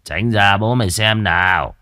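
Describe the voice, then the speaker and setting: Man putting on a cruel old landlord, sneering, mocking, low voice, dry sound, audiobook villain. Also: moderate pace, pushed and bright, clear, resonant tone, no room sound. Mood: harsh.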